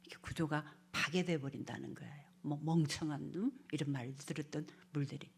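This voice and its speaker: A low, husky-voiced woman lectures on parenting at a church seminar. She slips into playful acted lines for parents and children and now and then drops to a whisper. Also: fairly even intonation, fairly quick.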